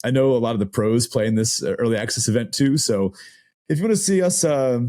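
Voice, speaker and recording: A man co-hosting a casual podcast, still a little hoarse from losing his voice, talking with chatty enthusiasm and frequent laughs. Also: mid-range voice, fast talker, a little mellow. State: hoarse, voice not fully recovered. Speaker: podcast co-host.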